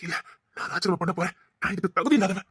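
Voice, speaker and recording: A woman's voice: on the low side, expressive, rapid-fire, fairly bright tone, breathy edge, no echo, studio quality, exaggerated voice. A woman voicing a distraught young male official in an audio drama, with an anguished, pleading way of talking. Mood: despairing. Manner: anguished and pleading, near tears. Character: distraught young man, an official, trapped and desperate.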